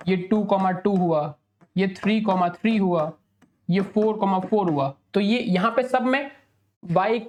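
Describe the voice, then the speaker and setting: A man with an Indian accent and a sore throat, teaching an exam-prep lesson and repeating steps, often asking for a yes or no. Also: sits high. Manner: repetitive, asks for yes or no.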